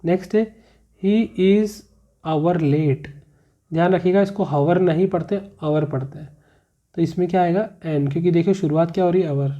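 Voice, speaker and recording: A man's voice: a little high, moderate pace, dark tone. A male teacher explaining grammar rules in a classroom lesson, repeating each rule and asking the class questions as he goes. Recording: muffled, slightly lo-fi.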